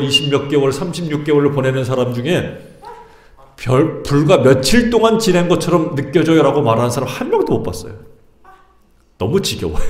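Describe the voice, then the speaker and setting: A middle-aged male pastor preaches in a church, his voice rising and falling in lively swings. He keeps turning to the congregation with questions. The sound carries a roomy church echo. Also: medium pitch. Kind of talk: sermon. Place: church sanctuary.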